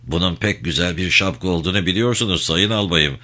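A man's voice: low-pitched, fast, pushed and bright. A man reading an audiobook, voicing a blunt, defiant soldier.

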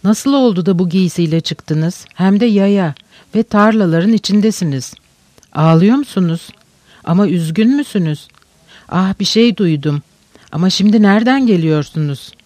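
A feverish old teacher in a storybook reading, tearful and rambling, repeating his pleas in a rush, as a male narrator puts him on. The voice sits high and the reading is close and dry, with no room sound. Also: expressive, normal speed, a little mellow, no echo. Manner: pleading, breathless outpouring with repetitions.

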